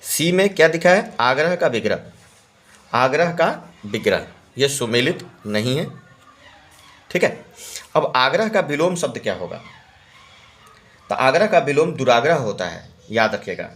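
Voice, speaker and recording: A male teacher talks through a practice test, answer by answer. He repeats each key word and keeps checking his listeners are following. His voice sits at an ordinary middle pitch. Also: big pitch swings, unhurried, long pauses, a bit bright. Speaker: Hindi exam-prep teacher.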